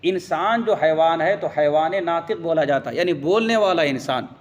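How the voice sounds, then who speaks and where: A man with a fairly high voice teaches a religious lesson. He explains patiently, quotes Arabic verses and answers his own questions. His voice rings with the long reverb of a hall.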